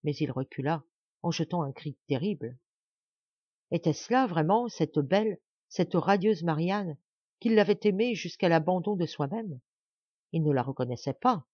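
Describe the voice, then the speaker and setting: A woman narrating a classic novel as an audiobook, in an expressive, dramatic reading. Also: lowish voice, moderate pace, slightly rough, no room sound, highs cut off. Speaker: audiobook reader.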